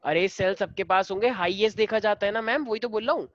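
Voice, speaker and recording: A man's voice: sits high, fast, no room sound. A man teaching a class, mixing Hindi with English, asking students questions and calling them his dear children. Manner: mixes Hindi and English, quizzes students, affectionate. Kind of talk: classroom lecture. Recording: dull lo-fi dry sound.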